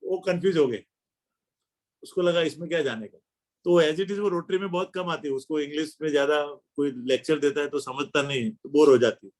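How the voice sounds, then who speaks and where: Man, middle-aged, guest speaker; anecdotal, acts out dialogue, voice sits a little high. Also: brisk. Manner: storytelling, acting out dialogue. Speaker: guest speaker at a club meeting. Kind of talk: anecdotal speech. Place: meeting hall.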